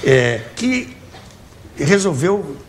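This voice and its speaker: Extremely slowly, in a fairly high, sing-song voice, a Brazilian man guesting on a talk show spins cheerful anecdotes for the host and acts out the quoted conversations. The noisy audio comes from a TV studio with an audience.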